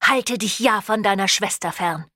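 A woman's voice: mid-range voice, normal speed, sharp tone, no echo, clean studio sound. A woman voicing a terrified, furious middle-aged mother in an audiobook, panicked and shrieking. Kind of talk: audiobook reading.

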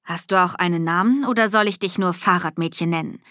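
A charming young man speaks softly and lightly, teasing with easy confidence, as a woman narrating the audiobook plays him. The sound is close and dry, with no room around it. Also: lowish voice, fairly quick, dry recording, close to an everyday voice.

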